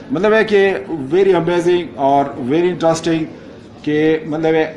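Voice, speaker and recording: A man's voice: fairly high pitch, a little mellow. A man presenting a project report slide by slide, mixing English into his speech with many hesitations and frequent "sir". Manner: mixes English phrases into Urdu, many fillers, addresses listener as sir.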